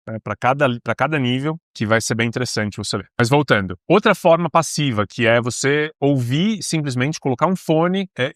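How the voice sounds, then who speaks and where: A man's voice: mid-range voice, no echo, studio quality. A man from Brazil, an English teacher, giving a casual video lesson for beginners and explaining step by step with lots of chatty asides.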